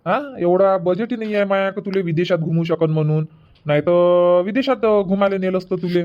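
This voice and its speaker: Voicing a relaxed young husband for a Marathi cartoon comedy, the man coaxes and comforts his wife and keeps coming up with excuses. His pitch sits high and his pace is fairly quick, with a natural voice on lo-fi sound.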